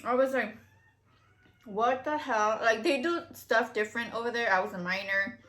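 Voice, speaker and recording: A woman's voice: fairly high pitch, fairly quick, fairly bright tone. A woman telling a long story to her viewers in casual chat, rambling with lots of fillers and cursing freely. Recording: echoey room.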